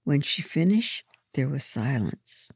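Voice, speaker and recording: A woman reading a first-person story aloud in a gentle, measured way. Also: very deep voice, very animated, vocal fry, breathy edge, no echo, clean studio sound. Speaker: narrator.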